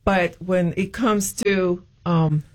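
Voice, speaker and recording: A woman from Puerto Rico, a hesitant interview guest, shares her faith story slowly, full of ums and restarts. Her voice is fairly low with fairly even intonation.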